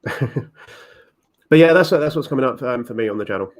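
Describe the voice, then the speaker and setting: A man's voice: medium pitch, animated, a little fast. A man chatting as a guest on a show, with many ums and restarts as he explains his plans. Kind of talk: casual chat.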